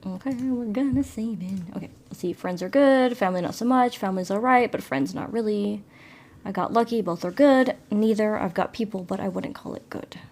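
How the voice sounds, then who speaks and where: A woman's voice: mid-range voice, brisk, darkish tone. A woman live streaming from her phone with a plugged-in mic, chatting apologetically with viewers and reading a story game aloud. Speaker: livestreamer.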